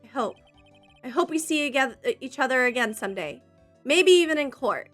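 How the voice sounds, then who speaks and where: An earnest, naive young man in college , as a woman voices him while reading a game aloud. He talks eagerly with little hesitant stammers, in a high, bright voice. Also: animated, moderate pace, faint music behind. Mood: determined.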